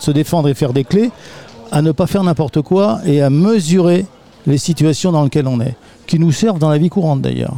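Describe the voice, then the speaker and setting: A man's voice: on the high side, vocal fry, warm tone. A man, an aikido teacher, patiently explaining his martial art in a radio interview recorded in a community hall.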